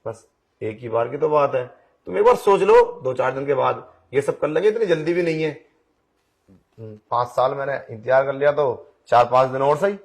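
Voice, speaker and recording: A man's voice: mid-range voice, lively intonation, moderate pace, lightly acted. A man voicing a pushy blind young man in an audio drama, coaxing and insistent in his talk. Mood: wheedling. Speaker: voice actor. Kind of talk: Hindi audio drama acting.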